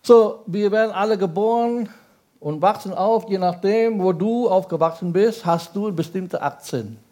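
A male pastor preaches in German, which is his second language, peppering the sermon with rhetorical questions and quick checks to the congregation. His voice sits high and sounds mellow.

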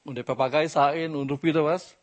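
A man's voice: fairly high pitch, fairly even intonation, quick pace. A man preaching a sermon with emphasis, asking the congregation questions as he goes.

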